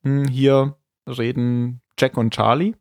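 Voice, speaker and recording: A man's voice: mid-range voice, flat delivery, slow pace, dry recording, studio quality. A man hosting a podcast, casually recapping an episode in a conversational way. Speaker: podcast host.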